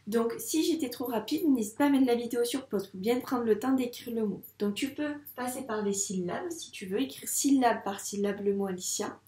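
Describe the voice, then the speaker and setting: A woman's voice: a little high, a little mellow, reverberant, recorded from a distance. Patient woman teaching kids handwriting. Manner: slow, patient, syllable-by-syllable dictation. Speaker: primary school teacher. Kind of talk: handwriting lesson for children.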